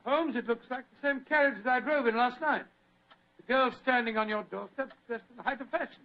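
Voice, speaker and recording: A fussy, good-natured British gentleman doctor in a vintage radio mystery. His voice sits high for a man and creaks, and he blusters politely, stammering and repeating himself. The recording is dull and old. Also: fairly quick. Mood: curious, chatty. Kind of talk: old-time radio drama acting.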